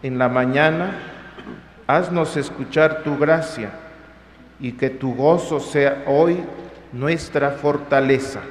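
A man's voice: medium pitch, slow, crowd noise. A man reading prayer intentions in a liturgical style at Mass, with church reverb. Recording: echoing church reverb, faint noise.

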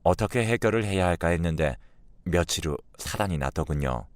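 A man narrating a radio drama story in an even, measured way. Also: sits low, no echo.

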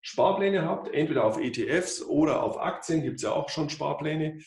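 A man in his fifties, working as a financial advisor, explains things at a whiteboard in a fairly high, darkish, expressive voice at normal speed. He uses many fillers and restarts, and the echoey office recording has the mic far off.

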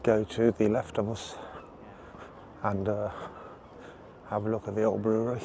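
A man giving a casual outdoor walking tour, relaxed and rambling with fillers. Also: on the low side, measured pace, gravelly, a little hiss or hum. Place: outdoors on town streets.

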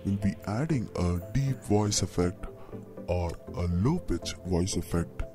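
A man's voice pitch-shifted down into a deep voice, speaking as a plain announcing sample clip. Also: expressive, measured pace, dark tone, soft background music.

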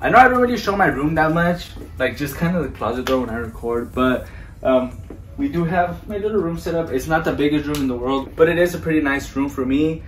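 Touring a house's small bathrooms and bedrooms, a vlogger in his twenties chats casually, mixing Spanish words into English. He sounds a little high, animated and brisk. Another person films him with a handheld camera or phone a few feet away, so his voice is distant and echoey.

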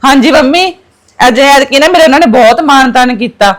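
A woman's voice: high-pitched, a little fast. A young woman with a Punjabi accent acting a tearful, pleading sister in a village drama. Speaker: married daughter visiting cousin for Rakhi.

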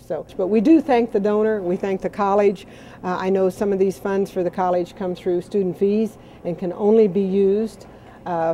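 A woman's voice: medium pitch, dark tone, dull audio, slight background noise. A woman from a college foundation, talking enthusiastically and chattily on camera in a large indoor hall. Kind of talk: on-camera interview.

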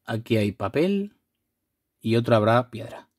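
Excitable man opening cards. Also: mid-range voice, a little slow, dry recording, clean studio sound. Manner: bursts into loud swearing excitement over rare pulls; chatty, rambling, restarts often. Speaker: card collector vlogger. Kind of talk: casual unboxing chat.

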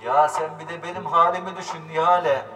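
A man's voice: fairly high pitch, steady tone, fairly quick, a loud crowd, lightly acted. An actor playing an exasperated, wisecracking ghost husband who grumbles and draws out his calls in a TV comedy drama. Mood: mock spooky. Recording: echoey reverberant hall, distant, loud music.

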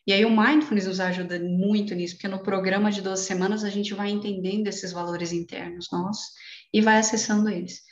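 A woman guest speaker explaining mindfulness in a lively way with personal examples, speaking on a video call. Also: mid-range voice, fairly quick. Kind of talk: explanatory talk in an online meeting. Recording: roomy, dull call audio.

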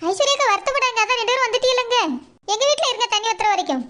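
A woman voicing a calm, comforting village mother with a Tirunelveli Tamil accent. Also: extremely high pitch, racing. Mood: reassuring. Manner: soothing, reassuring. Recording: loud hiss behind voice.

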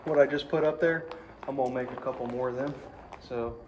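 A practical, matter-of-fact man in his thirties talks through his wiring job at a middle pitch. He is recorded on a nearby phone camera inside a wide pole barn, and steady noise runs under his voice. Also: brisk, lo-fi sound. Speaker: DIY builder explaining his electrical work. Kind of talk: casual explanation while working. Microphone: phone camera held nearby. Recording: noisy barn ambience.

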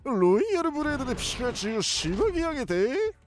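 Man putting on an excitable, high-pitched old professor. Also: faint music behind. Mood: playful, focused. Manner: old-man speech, playful exclamations, drawn-out words. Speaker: gaming video host. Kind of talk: video game commentary.

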